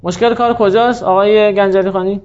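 High-voiced male teacher, lo-fi classroom. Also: fairly even intonation, a little mellow. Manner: explains step by step, quizzes students by name. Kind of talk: classroom lecture.

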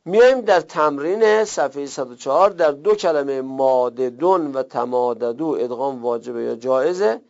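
A man's voice: mid-range voice, hardly any pauses, darkish tone, dull audio. A man teaching an Arabic grammar lesson, explaining step by step and asking and answering his own questions. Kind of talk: recorded classroom lesson.

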